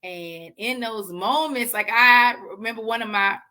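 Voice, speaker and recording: A woman's voice: on the high side, a little slow, pushed and bright. A woman author speaking on a video call, talking earnestly and conversationally to her readers with faith-filled encouragement. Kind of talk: casual spoken address to an audience.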